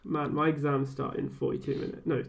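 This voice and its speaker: A man's voice: mid-range voice, flat delivery, brisk, creaky. A young man, a first-year university student, co-hosting a podcast in a laid-back, hesitant chat. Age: young adult. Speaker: podcast co-host. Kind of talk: casual chat.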